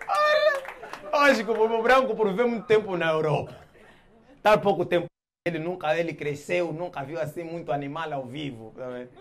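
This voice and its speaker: A man doing stand-up comedy, animated and laughing often with loud exclamations. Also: on the high side, fairly quick.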